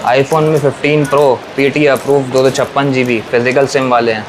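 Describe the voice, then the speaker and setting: A man with a Pakistani accent working as a phone seller, giving a repetitive sales pitch that lists models and prices. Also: flat delivery, a little fast. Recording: noisy room with clear background noise.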